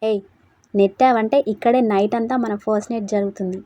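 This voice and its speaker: A woman voicing a teasing, stubborn young husband who talks loudly and presses his point. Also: medium pitch, fairly even intonation, a little fast, dry recording, close to an everyday voice.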